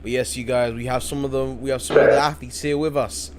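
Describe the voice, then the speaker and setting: Commentating a live-streamed game event from his UK home late at night, a man sounds tired but hyped, repeating himself and saying "you guys" over and over. His mid-range voice stays steady and brisk, and the recording is very noisy.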